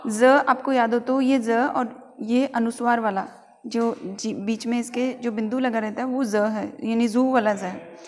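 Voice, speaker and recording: A woman with a Rajasthani Hindi accent teaching English pronunciation, who spells each word letter by letter and then repeats it slowly several times. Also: on the high side, fairly even intonation, big-room sound. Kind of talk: slow spelling-and-repeat lesson.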